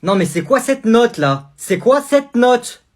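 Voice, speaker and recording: A man voicing a furious, strict mother who shouts and scolds her son without pause. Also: very high voice, big pitch swings, voice pushed up, exaggerated voice. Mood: yelling. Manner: shouting, bossy, relentless.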